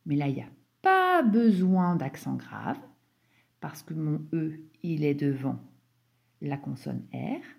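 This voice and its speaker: A woman teacher slowly correcting a dictation for young pupils, spelling words out letter by letter with patient explanations. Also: deep voice, big pitch swings, creaky, a little mellow. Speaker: primary school teacher.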